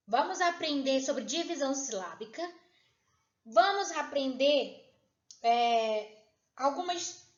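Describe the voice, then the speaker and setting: A woman teacher talks through a recorded lesson in a high, clear voice. She is patient and keeps checking in with her pupils, and she stretches out each syllable as she sounds it. The room rings with echo, and the sound is a little dull and lo-fi. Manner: patient, checks in with tag questions, slows down on syllables.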